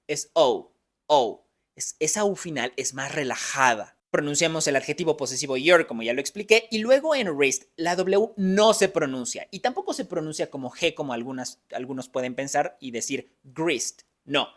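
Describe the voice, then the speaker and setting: A man's voice: on the high side, a bit bright. A man teaching English pronunciation in a phonetics lesson, patiently explaining each sound step by step.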